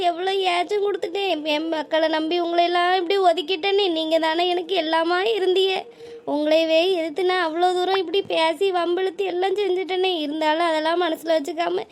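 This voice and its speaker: A woman voicing a weepy old village widow. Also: very high-pitched. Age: older. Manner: tearful, pleading, self-blaming. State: crying.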